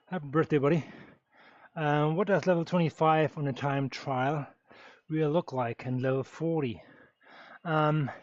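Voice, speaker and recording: A man's voice: fairly high pitch, darkish tone, dry recording. A man from Germany, chatting casually on a live stream while riding and answering viewers' questions with many fillers. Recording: dull lo-fi stream audio.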